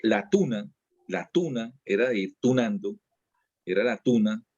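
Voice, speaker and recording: A man's voice: lowish voice, a little slow, a little mellow, slightly rough, no room sound, lo-fi sound. A man, a dance teacher being interviewed, explaining at length in a casual way and often restarting and repeating his words.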